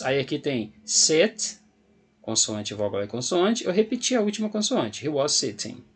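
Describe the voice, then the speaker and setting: A man's voice: medium pitch, husky. A man teaching English grammar in a video lesson, speaking with a Brazilian Portuguese accent, patiently explaining step by step and repeating the rules.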